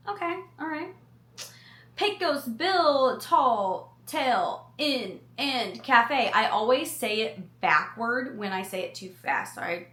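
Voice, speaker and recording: A woman's voice: fairly high pitch, pushed and bright, reverberant. A woman food vlogger reading menu items aloud and adding chatty personal asides. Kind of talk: casual chat reading a menu.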